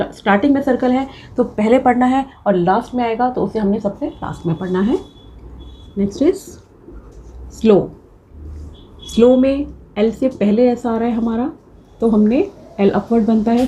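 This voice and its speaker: Mellow-voiced woman teaching shorthand. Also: fairly high pitch, slight background noise. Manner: patient step-by-step explaining, mixing English terms. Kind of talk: classroom lecture.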